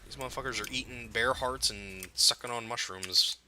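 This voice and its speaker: A man's voice: mid-range voice, normal speed, background noise. A man giving casual, profane, jokey commentary over his own gameplay and talking back to the game characters.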